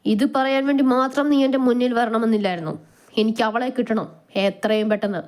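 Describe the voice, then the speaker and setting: A woman voicing a cruel male gang boss who gives orders and gloats in a slow, commanding tone. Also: a little high, fairly even intonation, a little mellow, lightly acted.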